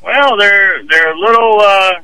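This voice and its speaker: A man's voice: high voice, takes it slowly, pushed and bright, clear, resonant tone, no room sound, poor audio. A man calling in as a pest control expert, describing bugs casually with many fillers. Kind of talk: phone-in interview.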